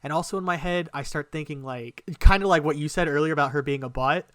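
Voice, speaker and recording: A young man telling a long personal story on a podcast in a casual, animated way, swearing freely. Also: a little high, fast, clean tone, no room sound, clean studio sound. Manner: animated, swearing a lot, quotes himself in lively bursts. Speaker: podcast co-host.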